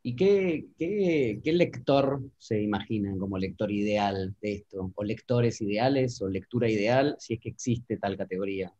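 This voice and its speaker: A man with a Rioplatense Spanish accent asks questions hesitantly on a video call. His voice is low and dark, and it sounds distant and dull through the line. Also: moderate pace, few pauses. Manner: hesitant, searching for words. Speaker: interviewer. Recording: distant, muffled call audio.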